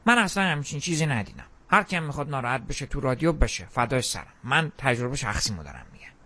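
A young man giving an animated, opinionated monologue, emphatic and full of quoted asides. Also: medium pitch. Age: young adult. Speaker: commentator who has attended radio meetings.

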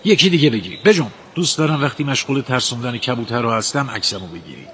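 A man voicing a vain, boastful wolf king who shouts orders. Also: medium pitch, lively intonation, slight background noise, close to an everyday voice.

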